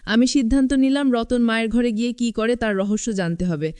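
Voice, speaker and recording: A woman narrating a scripted first-person story in an even storytelling manner. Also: a little high, a little fast, smooth, no echo.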